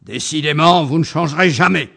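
A man voicing a male elephant doctor in a storybook reading, calling out loudly with a raised, mocking tone. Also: a little high, fairly quick, gravelly. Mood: amused. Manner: loud calls, mocking.

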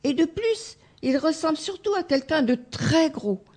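A woman reading a children's fairy tale aloud in a gentle, measured way. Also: high voice, animated. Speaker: storyteller.

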